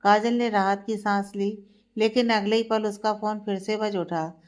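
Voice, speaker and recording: A woman storyteller reads a romantic family tale aloud. Her delivery is steady and expressive, in an ordinary mid-range pitch. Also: moderate pace. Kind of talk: scripted story narration.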